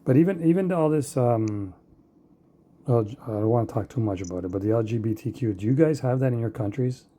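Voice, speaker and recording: A man's voice: mid-range voice, lively intonation, a little fast, dark tone. A man in a casual group discussion who keeps asking probing questions and repeats them to press for an answer. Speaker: podcast participant.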